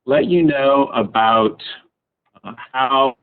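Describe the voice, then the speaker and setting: A man's voice: medium pitch, slow pace, clear, resonant tone. A man giving a hesitant presentation on a video call, his audio breaking up and cutting in and out. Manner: hesitant, frequent uh fillers. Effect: choppy call audio breaking up and cutting in and out. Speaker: state education program presenter. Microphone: computer mic on a video call. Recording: tinny dropping video call line.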